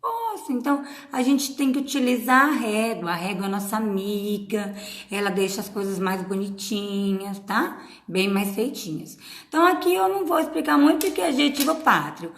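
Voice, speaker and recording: A woman's voice: mid-range voice, lively intonation, gravelly. A woman teacher from Paraná with a Paraná Portuguese accent, giving a recorded class to children, patient and stretching out syllables. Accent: Brazilian Portuguese from Paraná. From Paraná, Brazil. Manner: patient, drawn-out syllables, frequent "tá?". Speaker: schoolteacher. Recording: echoey room.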